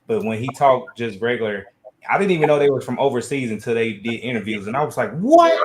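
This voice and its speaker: A man's voice: medium pitch, fast talker, background noise. A man chatting casually and with enthusiasm as a panelist on a live stream about comics and shows. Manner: enthusiastic, rambling fan talk. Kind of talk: casual chat.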